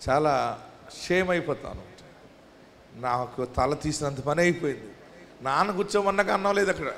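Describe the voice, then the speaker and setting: Male pastor, high voice, impassioned live sermon with shouted calls, heard with long hall reverb. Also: slight background noise. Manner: passionate preaching, shouting calls for hallelujah; mixes homely stories with rising exhortation. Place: large hall at a live church service.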